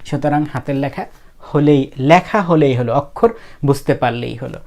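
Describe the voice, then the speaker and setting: A woman's voice: rumbling low, moderate pace, darkish tone. A woman teaching how to write characters, explaining casually and thinking aloud as she goes. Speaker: language teacher.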